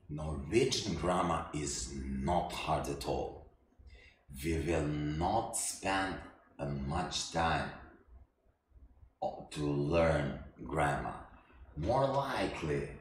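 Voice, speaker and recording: A man who is not a native English speaker teaches a language lesson in halting English, repeating himself with many fillers. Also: extremely low pitch. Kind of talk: slow spoken language lesson. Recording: echoey room with faint noise.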